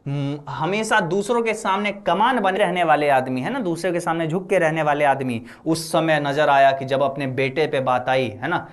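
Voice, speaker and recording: A man's voice: a little high, normal speed, hardly any pauses. A male teacher explaining a story chapter in a casual lecture style, repeating lines often and acting out quotes. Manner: repeats lines with frequent "है ना" fillers, acts out quotes. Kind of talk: explaining a Hindi lesson.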